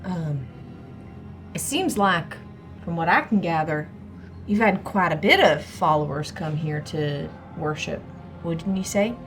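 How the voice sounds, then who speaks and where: A woman role-plays at a tabletop game. Her voice sits a little low, and she improvises politely and hesitantly over light background music. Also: lively intonation, unhurried. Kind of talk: improvised in-character role-play.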